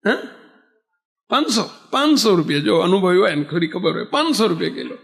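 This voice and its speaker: A man's voice: high voice, fairly quick, vocal fry. A man, a monk preaching a sermon, telling stories and asking the audience rhetorical questions. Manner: lively storytelling with rhetorical questions.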